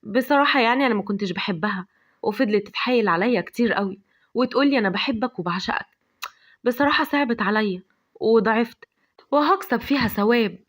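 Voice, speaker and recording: Brief: woman voicing a cocky young Egyptian man, smug and teasing, quick delivery. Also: on the high side, lightly acted.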